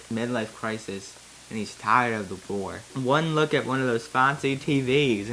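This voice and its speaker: Over background music, a man with a mid-range, sharp-toned voice performs a comedic dramatic reading of fan fiction, casually pausing for wry, amused asides. The recording is rough and its quality fluctuates.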